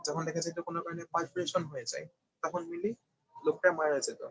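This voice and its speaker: A man's voice: a little high, fairly even intonation, fast talker, fairly bright tone, slightly rough, dry recording. A young man from Bangladesh giving an online medical review lecture, explaining step by step and often checking that students follow. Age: young adult. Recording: dull, slightly lo-fi dry recording.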